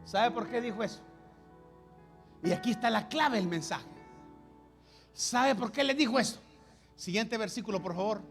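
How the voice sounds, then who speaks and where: High-voiced impassioned male preacher. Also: normal speed, creaky, long pauses, faint music behind. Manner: impassioned preaching, swings from loud to hushed; repeats phrases for emphasis. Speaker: pastor. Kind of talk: sermon.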